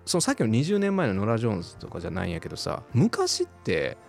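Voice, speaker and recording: Brief: man, radio host, loose chatty delivery, very animated pitch, quick talker, faint music bed. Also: creaky. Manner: relaxed, rambling, mixes Kansai speech. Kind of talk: casual chat.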